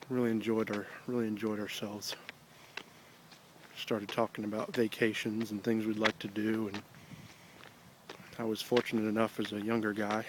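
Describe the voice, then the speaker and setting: Low, even-toned American man, pipe in mouth. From Ohio, United States. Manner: halting, reflective, unhurried; talks with a pipe in his mouth. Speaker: video blogger. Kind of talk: casual rambling monologue. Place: outdoors on an evening stroll. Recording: noticeable background noise, ambience.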